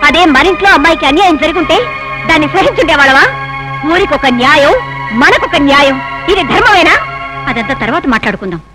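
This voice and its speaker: The poor-quality recording, a film soundtrack loud with music, features a woman's high-pitched, lively voice at a quick pace. Voicing a proud unmarried older sister in a dubbed drama, she starts off stern and indignant before breaking into tearful pleading.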